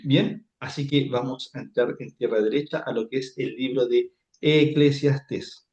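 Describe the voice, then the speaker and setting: A man gives a classroom Bible lecture at a mid pitch. He repeats phrases and keeps checking that his students follow. The room around him is echoey. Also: moderate pace, a little mellow, lo-fi sound. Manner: repetitive, asks "¿cierto?" often. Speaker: Bible teacher.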